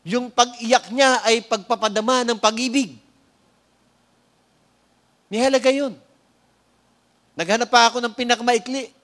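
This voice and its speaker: A high-pitched man with a Filipino accent delivers a church sermon. He keeps checking in with the congregation with "Amen?" and stretches out important words to stress them. Now and then he slips in a light, joking aside. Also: fairly even intonation, fairly bright tone. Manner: frequent "Amen?" prompts to the congregation; slows down to stress key words. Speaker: preacher. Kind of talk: sermon with opening prayer.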